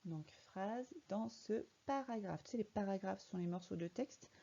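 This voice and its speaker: A woman's voice: medium pitch, unhurried, vocal fry, dark tone, muffled recording. A woman teaching a young child to read in a recorded lesson, patiently spelling words out letter by letter. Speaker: primary school teacher.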